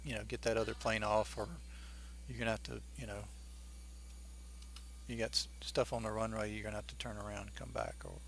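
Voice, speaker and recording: A man's voice: on the low side, flat delivery, brisk, pauses often, a little hiss or hum. A man giving casual, think-aloud commentary as the pilot in a flight simulator game. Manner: informal, thinking aloud while flying.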